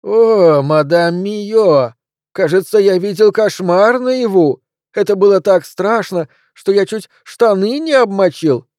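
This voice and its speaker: A man voicing a plump, mocking schoolboy bully in a shrill, jeering falsetto. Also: slow, a little mellow, dry recording, clean studio sound.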